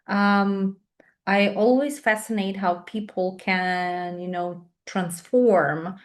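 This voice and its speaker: A Ukrainian woman in her thirties, an English teacher and patient advocate, answers interview questions as a guest over a video call. She speaks thoughtful, halting English with a Ukrainian accent, many pauses and fillers, at medium pitch and in a steady tone.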